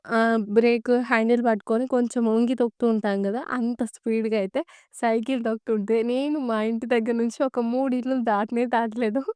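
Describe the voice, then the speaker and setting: A woman's voice: on the high side, clear, resonant tone, no room sound, studio quality. A young woman, chatting casually as a home vlogger and telling a story straight to her viewers. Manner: lively, chatty, addresses viewers directly.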